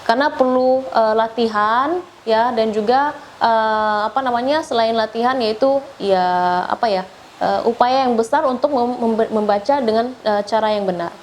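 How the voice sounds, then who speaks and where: A woman with an Indonesian accent teaching recitation, giving feedback and over-enunciating her examples with slowly drawn-out syllables. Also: on the high side. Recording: clear background noise.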